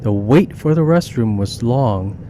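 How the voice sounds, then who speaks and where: A man narrating an animated children's story, reading in an animated, expressive way. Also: mid-range voice, measured pace, slight background noise. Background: background music.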